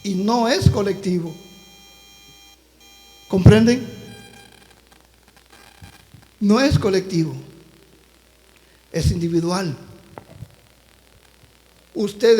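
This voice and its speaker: High-voiced preacher in an echoing church. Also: male voice, takes it slowly, pauses often, darkish tone. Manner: impassioned storytelling, addresses congregation as brothers. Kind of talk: sermon with personal testimony. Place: church sanctuary. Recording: long church reverb.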